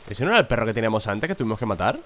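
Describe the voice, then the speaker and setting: A man's voice: fairly low pitch, big pitch swings, rapid-fire, fairly bright tone, a little hiss or hum. A man commentating his horror game session, jumpy and swearing, reading item names aloud. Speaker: gaming video host. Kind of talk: let's play commentary.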